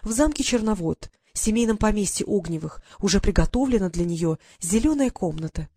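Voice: medium pitch, lively intonation, fairly quick, no echo. Reader voicing a honeyed, possessive woman guardian, dry close sound. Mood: sugary. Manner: sweet-voiced, then sharp. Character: sugary, controlling woman guardian.

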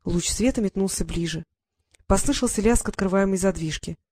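A woman reading a children's novel aloud as a lively, expressive narrator. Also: mid-range voice, normal speed, husky, no room sound. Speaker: audiobook narrator. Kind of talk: scripted narration.

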